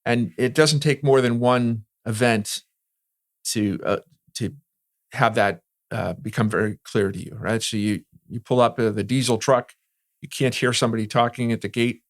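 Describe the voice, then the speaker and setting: Being interviewed as an industry expert, a man with a background in security and communications explains things in a conversational way, frequently adding "right?". He speaks in a lowish, steady voice at normal speed, recorded in studio quality with no room sound.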